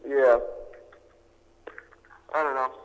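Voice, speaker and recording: A man's voice: medium pitch, level tone, very slow, long reverb tail, poor audio. A young man talking casually over a phone speaker, rambling with lots of fillers and restarts. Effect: heard over a phone speaker. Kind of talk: casual chat.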